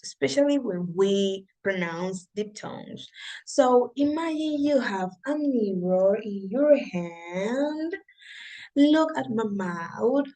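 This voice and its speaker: A woman's voice: medium pitch, a little mellow, low-quality recording. A woman teaching pronunciation strategies, reassuring her learners and talking to them directly. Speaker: English teacher. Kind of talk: encouraging lesson.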